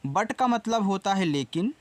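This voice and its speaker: Male English teacher, Hindi accent, slow, patient spelling-and-repeat delivery, dry recording. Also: high-pitched, expressive, no room sound. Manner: slow, spells words letter by letter and repeats them. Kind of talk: casual spoken lesson.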